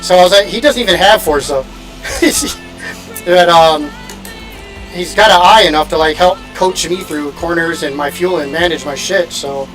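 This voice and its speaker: A man from Indiana chatting quickly and casually while sim racing on stream, laughing often. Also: a little high, a bit bright, poor audio. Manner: fast-talking, laughs often. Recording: music playing in background.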